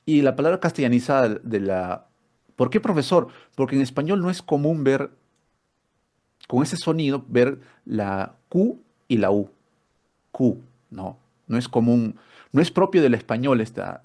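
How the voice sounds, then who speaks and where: Male teacher, explanatory, mid-pitched voice, rhetorical questions. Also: a little mellow. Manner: explanatory, asks rhetorical questions, repeats words. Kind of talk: online spelling workshop lesson.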